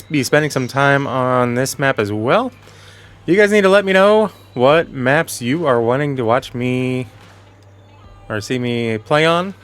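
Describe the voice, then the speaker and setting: Brief: male gaming channel host, chatty and self-correcting, a bit hoarse, mid-range pitch. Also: a bit bright. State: losing his voice, clearing throat. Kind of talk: casual game commentary.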